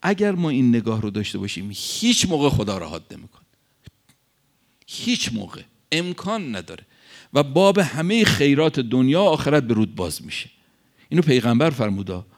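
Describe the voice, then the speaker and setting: A man preaching a sermon, retelling a story and speaking in an animated way, his pitch swinging widely between low and high.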